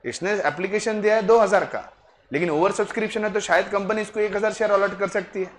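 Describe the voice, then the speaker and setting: Male teacher, slightly higher-pitched, teasing and playful, then slow and deliberate on key points. Faint room hum. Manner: teasing, joking with students, switching to slow deliberate explanation. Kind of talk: classroom lecture. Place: classroom.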